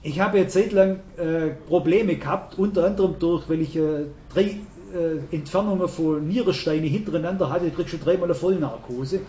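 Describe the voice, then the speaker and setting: An older man preaches, his voice high. He tells his story earnestly and leans into emphatic rises. The recording is roomy and dull, like a hall. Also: moderate pace, mellow. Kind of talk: sermon.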